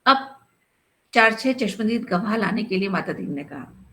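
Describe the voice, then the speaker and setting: A woman storyteller reading a satirical story aloud with expressive, lively delivery. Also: medium pitch, unhurried.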